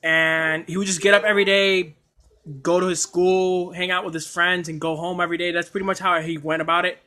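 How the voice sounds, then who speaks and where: Excitable stammering young-sounding man. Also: high-pitched, brisk. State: coughing at times. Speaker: anime streamer. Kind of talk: casual livestream chat.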